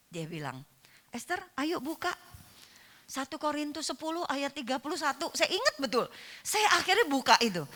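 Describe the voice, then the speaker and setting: Woman, pastor, sermon, lively storytelling, acted-out dialogue, high-pitched. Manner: storytelling, acting out quoted dialogue. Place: church.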